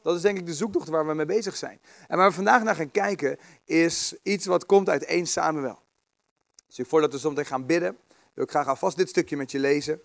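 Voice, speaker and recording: A man giving a relaxed, conversational sermon with many fillers and restarts, reading scripture aloud. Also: a little high, a little fast, vocal fry, dry recording. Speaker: preacher. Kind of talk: informal sermon.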